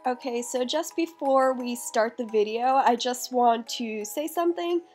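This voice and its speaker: A young adult baking vlogger, sick with a cold, narrates a casual recipe tutorial from her home kitchen. She has a slightly high, darkish voice and a measured pace, and faint music plays in the background.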